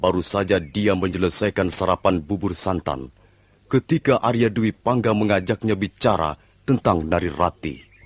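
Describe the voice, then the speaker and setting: A man's voice: low voice, normal speed, no echo. A man reading scripted credits and story narration in the manner of an old radio serial announcer. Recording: music behind the voice. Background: music.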